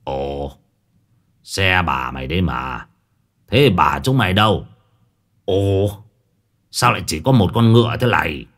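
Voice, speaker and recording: A man voicing an irritable, foul-mouthed old landlord in a spoken ghost story, with a gruff, scolding manner. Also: sits low, unhurried, long pauses, fairly bright tone, pitched below the performer's own voice. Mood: puzzled. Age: older.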